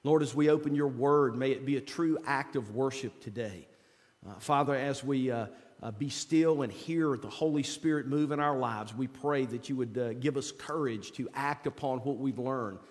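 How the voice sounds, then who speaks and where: A man leading a church service as pastor, speaking at a pulpit microphone, with halting speech full of repeats and fillers. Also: mid-range voice. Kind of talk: welcome and opening prayer. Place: church sanctuary. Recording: long church-hall reverb.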